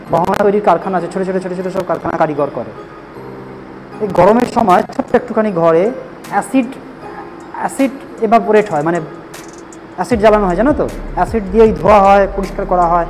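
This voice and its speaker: A man's voice: sits high, darkish tone, low-quality recording. A man, firm and direct, often stopping to ask whether the students follow. Faint music plays in the background. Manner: firm, repeatedly checks understanding. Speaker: spoken English teacher. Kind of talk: classroom lecture, scolding and advising students.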